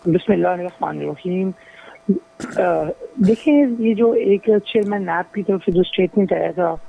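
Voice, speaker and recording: A man, a senior advocate giving legal analysis over the phone, deliberate and dropping English legal terms into his speech. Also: sits high, gravelly, mellow. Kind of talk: phone-in interview. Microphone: telephone. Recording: tinny phone line.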